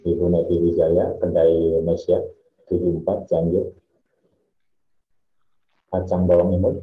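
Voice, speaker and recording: A very low-voiced man hosts a video call and welcomes participants by name. His audio comes through echoing and droning, and it keeps breaking up. The sound is dull and muffled, as if from a roomy space. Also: level tone, normal speed, soft background music. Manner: welcoming, reads out participants' names. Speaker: online meeting host. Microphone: computer or phone on a video call.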